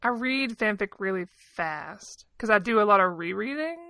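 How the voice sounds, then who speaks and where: A woman in her thirties chats and tells personal stories like a podcast co-host, candid and self-deprecating in a casual flow. Her mid-range voice is bright and forward, often crackling into fry, animated at a moderate pace. The recording is close and dry, with no room sound.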